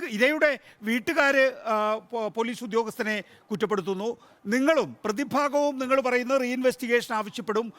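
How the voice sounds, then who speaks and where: A man's voice: very high-pitched, a bit bright, dry recording. A man with a Malayali accent moderating a live TV news debate, cutting in and pressing guests to let him finish. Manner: cuts in, presses guests to listen.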